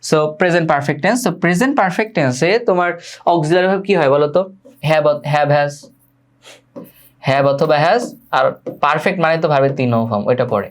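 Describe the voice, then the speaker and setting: A man with a Bangladeshi Bengali accent teaching English grammar in an online class. He often repeats words, asks his students questions and corrects their pronunciation patiently. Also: fairly high pitch.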